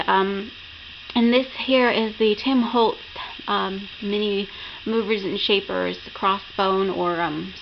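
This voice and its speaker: A woman with a sore throat from being sick, chatting enthusiastically as she shows off her craft projects in a casual vlog. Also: medium pitch. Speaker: craft vlogger. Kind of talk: casual project show-and-tell. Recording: muffled lo-fi sound with clear background noise.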